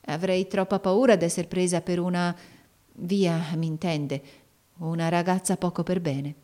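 A woman's voice: lowish voice, steady tone, unhurried, dark tone, natural voice. A woman reading an audiobook, voicing a timid, modest young servant girl who speaks shyly and hesitantly. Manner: shy and hesitant.

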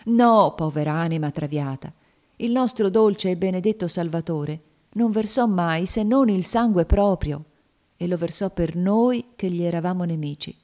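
Woman reading a gentle faithful old man, earnest, pleading softly. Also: on the low side, normal speed, pitched above the performer's own voice, natural voice. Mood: tender, fervent. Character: devout gentle older man, steadfast.

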